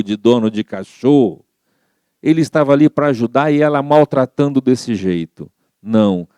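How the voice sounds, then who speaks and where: A man's voice: medium pitch, mellow, smooth, no echo. A man giving a Spiritist talk as a storytelling sermon, repeating words for effect and acting out the quotes. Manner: repetitive storyteller, acts out quotes. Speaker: Spiritist lecturer.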